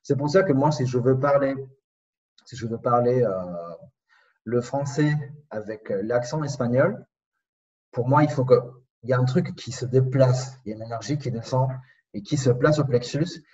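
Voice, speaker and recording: A man with a slight Spanish accent, his first language Spanish, chats as a podcast guest and muses aloud with frequent pauses. He sits a little away from the mic, and the sound is dull and muffled. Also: mid-range voice, darkish tone, distant mic. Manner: reflective, searching for words, many pauses. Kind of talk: casual conversation.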